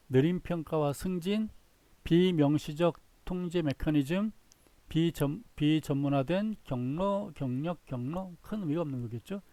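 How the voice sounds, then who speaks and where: A man's voice: on the high side, mellow, no room sound. A man giving a recorded business lecture, reading through slides in short phrases and often repeating himself.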